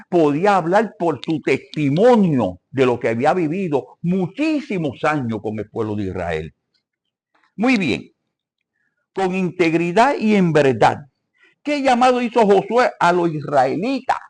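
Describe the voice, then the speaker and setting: Animated older man teaching. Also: a little high. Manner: animated, questions the congregation and calls for amens. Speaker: Bible lesson teacher. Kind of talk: church Bible lesson. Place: church.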